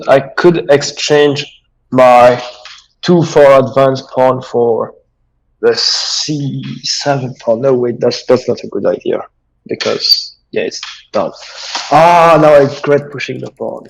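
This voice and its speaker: A mid-pitched man talks slowly and haltingly through chess ideas, stopping to correct himself. His voice has a gravelly edge. He sounds like he is thinking out loud in a casual chat. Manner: hesitant, lots of fillers and self-corrections. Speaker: chess sparring partner. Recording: poor-quality microphone.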